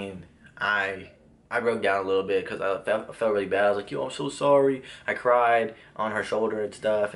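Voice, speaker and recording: A man's voice: fairly low pitch, a bit bright. A young man casually telling a personal story, rambling with restarts and lots of filler words. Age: young adult. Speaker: vlogger.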